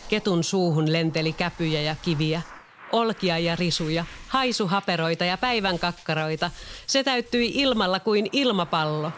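A steady narrator with a middle-pitched voice reads a storybook aloud for children, with faint hiss in the background.

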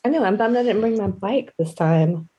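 A woman's voice: medium pitch, normal speed, mellow, dull audio. A woman chatting casually as a podcast co-host, rambling through anecdotes. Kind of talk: casual chat.

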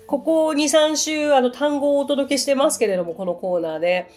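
A woman's voice: sits high, fairly quick, a little mellow. A woman teaching English on her podcast in a friendly, chatty way, with many fillers. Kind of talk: casual podcast lesson. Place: Tokyo.

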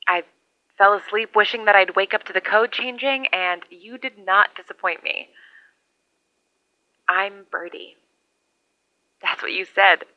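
A woman's voice: medium pitch, measured pace, long pauses, no room sound, highs cut off. A woman playing a wry, lonely survivor who rambles into a two-way radio, heard through it. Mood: hopeful. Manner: rambling, self-deprecating, wry. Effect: transmitted over a two-way radio. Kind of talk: audio drama monologue.

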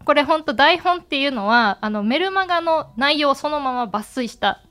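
A woman's voice: sits high, expressive, fairly bright tone. Laughing, chatty woman hosting a podcast. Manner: laughs often, chatty and quick to react. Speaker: podcast host. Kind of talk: casual chat.

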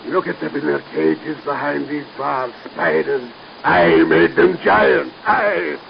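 An actor playing a megalomaniac mad scientist who gloats theatrically in a 1930s radio drama. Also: male voice, a little high, unhurried, creaky, muffled recording, a loud crowd. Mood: gloating. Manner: gloating, theatrical, rising to shrieks. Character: megalomaniac mad scientist breeding giant spiders. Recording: scratchy 1930s radio recording.

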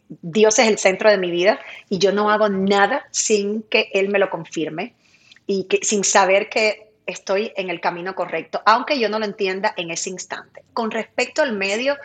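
A woman from Cuba who works as a TV presenter, chatting lively in an interview and often laughing as she talks. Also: medium pitch. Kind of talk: casual interview chat.

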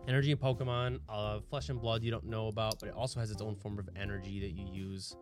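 A man's voice: on the low side, flat delivery, quick pace, music in the background. A man in his thirties from Michigan, co-hosting a casual podcast chat and retelling stories with animation. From Michigan, USA. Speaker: podcast co-host.

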